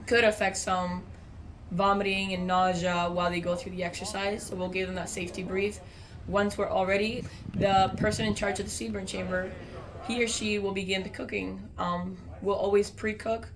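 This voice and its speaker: A woman's voice: medium pitch, little pitch movement, moderate pace, background noise. An American woman, a soldier, explaining training procedures in an informal interview.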